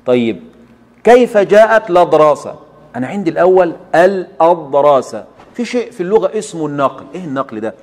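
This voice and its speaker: A man's voice: on the high side, expressive, quick pace, a little mellow, long reverb tail. A man with an Egyptian Arabic accent teaching a recorded lesson, quizzing the listener and praising the answers.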